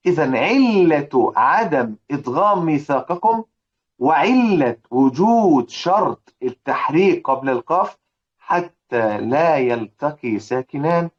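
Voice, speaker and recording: Recorded with muffled sound, this mid-range male voice carries an Egyptian Arabic accent. He's explaining a poem about recitation rules in a religious lesson, pressing students with repeated rhetorical questions.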